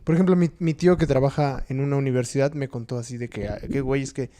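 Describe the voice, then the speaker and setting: A man's voice: mid-range voice, fairly even intonation, quick pace, dark tone. A man with a Mexican accent, co-hosting a podcast in casual chat, thinking aloud in slangy talk with some swearing. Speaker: podcast co-host.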